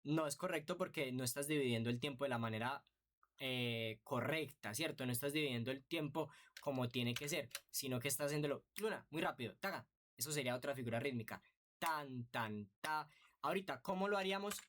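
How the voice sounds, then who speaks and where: A man's voice: medium pitch, quick pace, a bit bright. A man teaching an online music theory lesson, patient and explanatory, often checking in with rhetorical questions.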